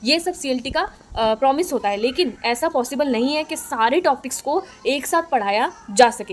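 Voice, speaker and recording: Woman, high-pitched, young, teacher, step-by-step explanation with fillers. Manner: explains step by step, restating each point with fillers. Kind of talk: exam-prep lecture.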